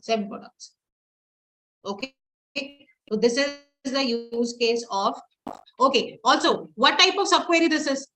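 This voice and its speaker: A woman's voice: on the high side, fairly bright tone, poor audio. A woman teaching SQL in a screen-recorded lesson, mixing Hindi and English and quizzing her students as she types queries. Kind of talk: live coding lesson.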